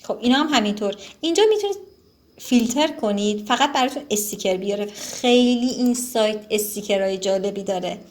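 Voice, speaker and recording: A woman giving a casual screen-recorded software tutorial, relaxed and chatty, with frequent fillers and self-corrections. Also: medium pitch.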